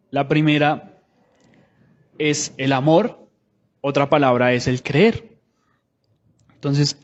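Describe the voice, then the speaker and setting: A man's voice: a little high, a little mellow, muffled recording. A man preaching a sermon in a conversational way, asking the congregation many rhetorical questions.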